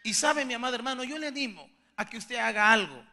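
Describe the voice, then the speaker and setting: A male pastor preaching a sermon, moving between soft, intimate asides and loud, emphatic climaxes, fervent and pleading, often repeating words as he searches for phrasing. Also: extremely high pitch, fast talker, big-room sound. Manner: fervent and pleading, addressing listeners as beloved brothers.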